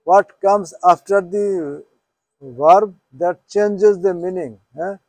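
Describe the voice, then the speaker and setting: High-voiced man teaching a class. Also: drawn-out words, warm tone, dry recording. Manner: checks with students, asks "হ্যাঁ?" often; switches between Bengali and English, spells Arabic out. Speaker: Quran teacher. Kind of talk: informal class lesson.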